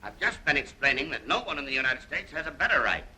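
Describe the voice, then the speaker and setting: A boisterous American millionaire. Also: male voice, medium pitch, sing-song, fast, pushed and bright, rough recording. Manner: boisterous, showman-like. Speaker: American millionaire castle owner. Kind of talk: 1930s film acting. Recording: old film soundtrack with music.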